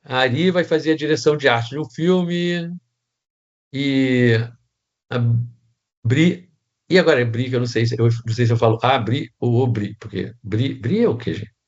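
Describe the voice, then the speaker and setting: A man's voice: mid-range voice, normal speed. Man, Brazilian Portuguese accent, teacher, rambling, restarts, slightly dull audio. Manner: rambling, restarts, frequent "né?" tag. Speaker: set design teacher. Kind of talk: casual online class.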